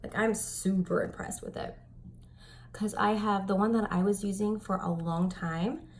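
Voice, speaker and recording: Young woman, makeup tutorial chat, gravelly fry, filler-heavy rambling, whispered asides, faint background hiss. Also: mid-range voice, steady tone, unhurried. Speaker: beauty vlogger. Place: home.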